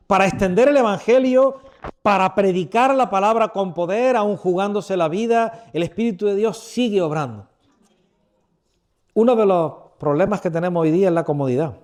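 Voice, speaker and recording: A man in his fifties from Andalusia, Spain, leads a church workshop, delivering an informal sermon to a live audience through a handheld or stand microphone. He is relaxed, chatty and funny, frequently putting questions to his listeners. His fairly high voice still comes across as warm and mellow.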